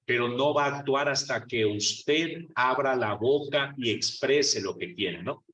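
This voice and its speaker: A man's voice: medium pitch, unhurried, fairly bright tone, lo-fi sound. A man preaching on prayer in a conversational way, full of rhetorical questions and acting out quoted prayers. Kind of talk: conversational sermon. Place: church meeting hall. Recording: roomy hall, distant mic.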